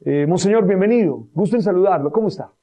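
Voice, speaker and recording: A man, a priest, hosting a Sunday religious talk show and interviewing a guest with a warm, pastoral manner. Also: high-pitched, expressive, fast. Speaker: priest and radio host.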